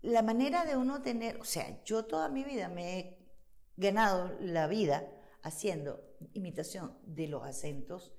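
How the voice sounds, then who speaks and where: An actress chatting as a guest in an interview, lively and quick to laugh, breaking into accent impressions. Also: female voice, medium pitch. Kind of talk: casual interview chat. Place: studio in Chile.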